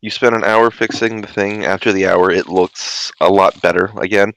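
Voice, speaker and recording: A man running a tabletop game as game master, explaining rules in relaxed, halting phrases. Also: deep voice, creaky, a little hiss or hum, rough recording.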